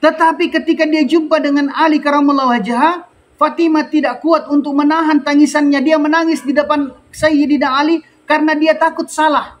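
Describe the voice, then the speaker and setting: A man's voice: very high-pitched, fairly even intonation, brisk. A man preaching a storytelling sermon, dramatic and drawn out, with frequent Arabic pious phrases.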